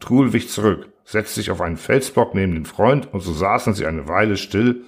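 Male audiobook narrator, low voice, steady storytelling. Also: normal speed, breathy edge. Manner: steady storytelling, acting out each character. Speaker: audiobook reader.

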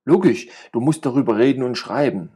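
A man's voice: medium pitch, a little fast, warm tone, husky, natural voice. A man reading aloud and voicing a jovial, talkative middle-aged friend who rambles and teases with cynical humor. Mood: playful teasing. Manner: rambling, playful banter.

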